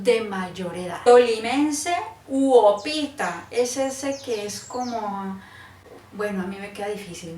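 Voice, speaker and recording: A woman's voice: mid-range voice, recorded from a distance, slight background noise. A woman from Colombia with a Cali accent, teaching a lesson in a chatty way and checking in with her listeners. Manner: chatty, asks "¿sí?" to check understanding. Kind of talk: explanatory lesson. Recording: roomy, off-mic, faint ambience.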